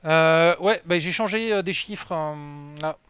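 Streamer, homme, voix haute et nette, parle en vrac, son sec. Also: male voice, a little high, takes it slowly, a bit bright, clear, resonant tone, no echo. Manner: rambling, self-mocking, many fillers. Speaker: game streamer. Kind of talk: casual live-stream chat. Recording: dry, slightly dull lo-fi sound.

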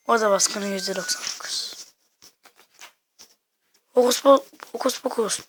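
A woman giving casual, excitable gameplay commentary, talking to herself and her viewers in slangy bursts. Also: medium pitch. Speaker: gaming video maker.

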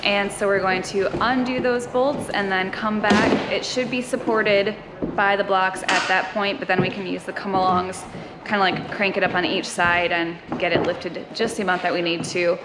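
In a large covered shed, a woman in her thirties holds a camera at arm's length and casually explains each step of building a boat. Her mid-range voice stays steady in tone at a moderate pace, and the shed makes the recording noisy.

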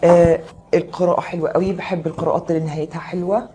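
Egyptian woman doing a casual live tarot reading, low and mellow, faint noise behind. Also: little pitch movement, racing. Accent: Egyptian Arabic. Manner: chatty, greets viewers by name. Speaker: tarot reader.

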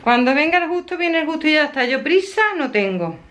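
A middle-aged woman talks straight to her viewers in a relaxed home vlog, filming herself on a handheld camera. Her voice sits a little high and she keeps the chat loose and friendly. A faint hiss runs under the recording. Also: a little fast. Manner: chatty, talks straight to viewers, laughs often. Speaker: vlogger. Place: at home, indoors.

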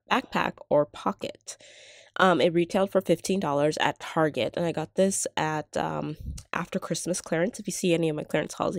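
At home, a middle-aged couponing vlogger with a cold films a tabletop close-up, chatting through a casual gift-basket tutorial step by step with plenty of fillers. Her voice is low and congested, captured at studio quality with no echo.

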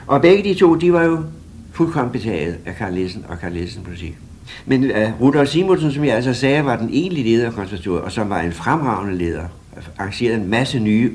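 Older man telling lively anecdotes. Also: medium pitch, slight background noise. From Denmark. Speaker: retired pianist interviewee. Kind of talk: reminiscing interview.

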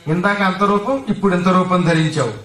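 A man's voice: high-pitched, brisk, fairly bright tone. A man voicing a fierce female demon who guards a city, with a threatening, scornful manner. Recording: roomy hall, distant mic.

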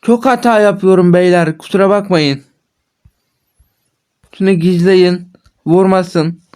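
A man with a fairly high voice talks through a mobile strategy game in casual commentary. He chats to his viewers, corrects himself often and sounds frustrated at his own mistakes. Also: steady tone, takes it slowly, a little mellow, smooth. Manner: chatty, self-correcting, addresses viewers as friends. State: frustrated after repeated mistakes. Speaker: gaming channel host.

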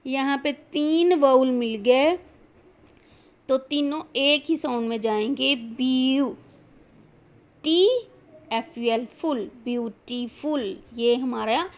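A woman teacher, speaking in a high voice. She talks slowly and patiently through a classroom lesson, breaking words apart and spelling them letter by letter.

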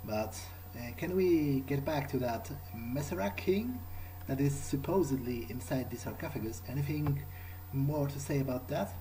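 A let's player roleplays in character during a video game, improvising in a conversational, questioning way with hesitant phrasing. His mid-range voice moves at a moderate pace over music, and the audio quality is poor.

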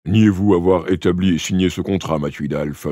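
A man voicing a weary, stern old king in an audiobook, speaking slowly and gravely. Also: warm tone, no room sound, studio quality. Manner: slow, low and deliberate, dropping to confiding. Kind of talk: audiobook character voice.

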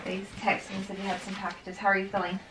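A middle-aged American woman talks casually, as a mother does at home. Her pitch sits in the middle range for a woman. She is recorded indoors on a camera mic, with faint noise in the background. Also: completely flat delivery, fast talker. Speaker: mother of the vlogger. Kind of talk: casual family chat.

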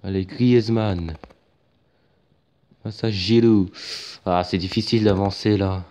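A man commentating his own football video game match in a casual, excitable way, rising to shouts at big moments, with lots of fillers. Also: on the low side, slow. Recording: dull lo-fi home mic with faint noise.

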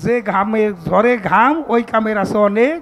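High-voiced folk debate singer, man. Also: moderate pace, background noise. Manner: sings verses then explains in rustic spoken rhythm. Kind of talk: pala gaan folk debate singing and speech. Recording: live stage with loud folk music. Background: folk instruments.

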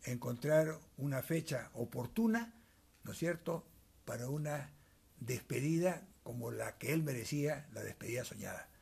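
A man's voice: medium pitch, animated, creaky, darkish tone, husky. An older man, recalling old times as an interview guest in a small cluttered room, speaking into a handheld mic. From Peru. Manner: measured, storytelling, tags remarks with asides. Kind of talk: reminiscing interview. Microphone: handheld wired mic held by interviewer.

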